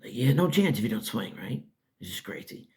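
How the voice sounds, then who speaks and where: An older man from Canada telling a folksy, rambling childhood story in a casual, lively way. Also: mid-range voice, a little fast, breathy edge. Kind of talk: casual spoken memoir.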